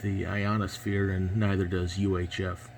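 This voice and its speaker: A man in his twenties from the United States, an amateur radio operator with an American accent, talks casually over ham radio in a hesitant, polite way. His voice is deep and flat, a little slow, with slight background noise.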